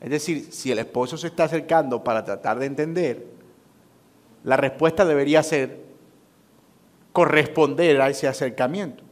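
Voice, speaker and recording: A man's voice: mid-range voice, normal speed, pauses often. A male pastor teaching a Sunday school class in a conversational way, using emphatic repetition and acting out short dialogues.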